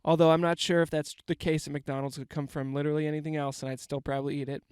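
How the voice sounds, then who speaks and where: Racing along with little pitch movement, a young man's fairly high, darkish, clean voice carries his casual comedic monologue with no echo. He sounds congested as he hosts a rambling, self-mocking podcast into a handheld mic from a parked van.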